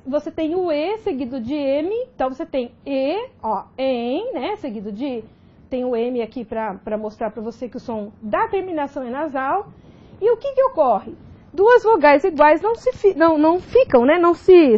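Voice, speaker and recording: A Brazilian woman gives a recorded grammar lesson, her high voice rising and falling with lively emphasis. She explains each point step by step and keeps checking in with short tag questions. The sound is a little dull and lo-fi. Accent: Brazilian Portuguese. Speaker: grammar teacher.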